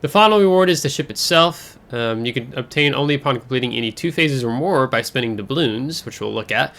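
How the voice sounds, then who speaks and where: A man's voice: medium pitch, lively intonation, a little fast, fairly bright tone. A man hosting a casual game overview, talking in a chatty, rambling way with fillers and self-corrections, his voice a bit congested from air travel. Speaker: gaming channel host.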